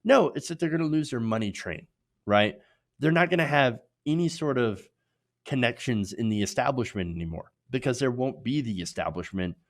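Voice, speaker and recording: A man's voice: medium pitch, lively intonation, normal speed. An American man hosting opinionated political commentary, emphatic, repeating his points in short punchy phrases and often tagging them with "right?". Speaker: host of an online political commentary show.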